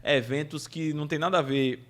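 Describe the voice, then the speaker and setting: A man as a podcast guest, telling lively anecdotes in casual chat and laughing through the funny parts. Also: on the high side, brisk. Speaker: podcast guest, event producer.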